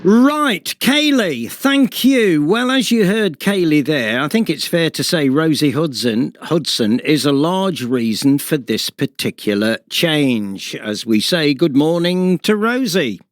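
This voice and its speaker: An English radio presenter in friendly conversation with a guest. His voice sits a little high and swings widely in pitch, and it sounds dry and close to the mic. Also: big pitch swings, takes it slowly, hardly any pauses, no echo. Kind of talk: radio interview.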